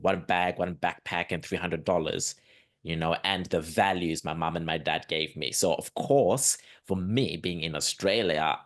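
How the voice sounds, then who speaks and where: A man, hosting a podcast interview and speaking in an emphatic, earnest, animated way. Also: low-pitched. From Zimbabwe. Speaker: podcast host. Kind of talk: conversational interview.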